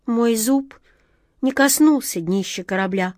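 Brief: a high, shrill storybook squirrel, small and pleading, as a woman reads her, dry close sound. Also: unhurried, a little mellow, no room sound, natural voice. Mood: sad. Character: small desperate female squirrel, lonely and pleading. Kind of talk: storybook reading.

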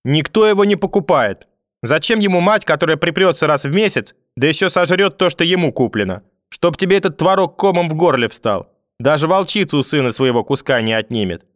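A man's voice: animated, a little fast, fairly bright tone, no room sound, studio quality, natural voice. A man voicing a cruel, bitter old grandmother who curses and shrieks. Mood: spiteful. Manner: shrill, venomous, cursing.

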